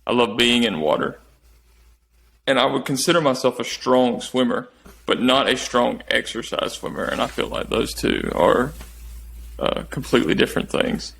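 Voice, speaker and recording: Gravelly-voiced man rambling on a podcast. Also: medium pitch, moderate pace, fairly bright tone. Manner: rambling, teasing, with many restarts and fillers. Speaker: podcast co-host. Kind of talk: casual chat.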